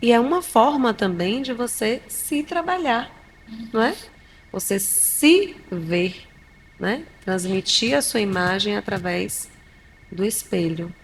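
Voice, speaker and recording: A woman's voice: medium pitch, lively intonation, slow, gravelly. A Brazilian woman mediating a podcast, speaking reflectively and often adding tag questions. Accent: Brazilian Portuguese. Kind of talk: casual chat. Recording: reverberant room with faint noise.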